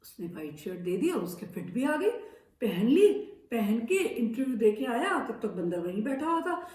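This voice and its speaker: Lively high-voiced woman storyteller. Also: normal speed. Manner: lively, expressive, playful. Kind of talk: children's story narration. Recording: echoey room from a distance.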